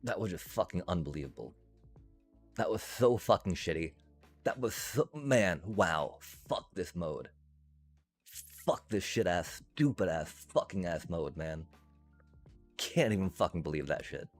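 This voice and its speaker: A man's voice: low-pitched, animated, unhurried, faint music behind. A man streaming a card game, ranting profanely with frustrated laughs between lines. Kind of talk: casual gameplay commentary.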